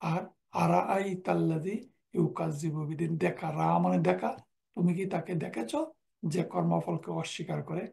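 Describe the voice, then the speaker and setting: Man, Arabic grammar teacher, recorded lecture, slightly rough gravelly voice, recites verb conjugations and verses. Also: high voice, moderate pace, warm tone. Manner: drills verb forms aloud, reciting Quran verses in between.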